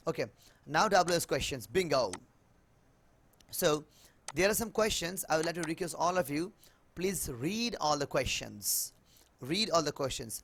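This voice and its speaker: A man with a Bengali accent teaching an online spoken English class over a video call, mixing Bengali and English and repeating words slowly for his students. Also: fairly high pitch, creaky, fairly bright tone.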